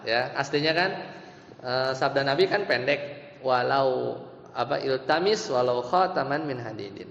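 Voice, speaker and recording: A man teaching Arabic grammar in an Islamic study class, explaining slowly, repeating terms, and asking and answering his own questions. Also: mid-range voice, creaky, fairly bright tone. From Indonesia. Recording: echoey lo-fi hall recording with faint hum.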